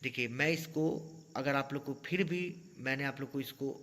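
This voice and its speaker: A man's voice: medium pitch, normal speed, a bit bright. A man teaching a grammar lesson to students, repeating key points and urging them to remember. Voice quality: repetitive, drills points with frequent 'dekhiye'. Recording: long hall reverb.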